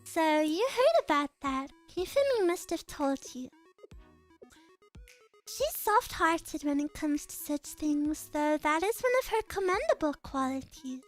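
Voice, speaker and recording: A woman voicing a refined, grave schoolgirl leader in a game story, formal and measured. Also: sits high, sing-song, faint music behind, voice pushed down. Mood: cool, measured. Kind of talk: visual novel game dialogue read aloud.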